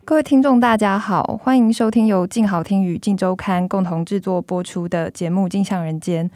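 A woman's voice: medium pitch, moderate pace, darkish tone. A woman with a Taiwanese accent hosts a podcast as a journalist, speaking through a face mask. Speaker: magazine journalist hosting a podcast. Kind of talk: podcast hosting, semi-scripted narration and discussion.

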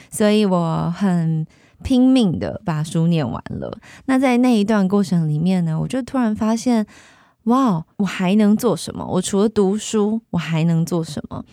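A woman in her thirties with a Taiwanese Mandarin accent, a guest candidly telling her life story in a lively, animated way. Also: mid-range voice, dry recording, studio quality.

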